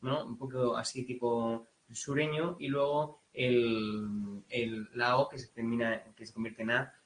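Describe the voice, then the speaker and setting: A man's voice: medium pitch, steady tone, unhurried, a bit bright, poor audio. Spanish man teaching, casual with fillers. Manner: casual, many fillers, mimics English accents. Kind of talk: lecture.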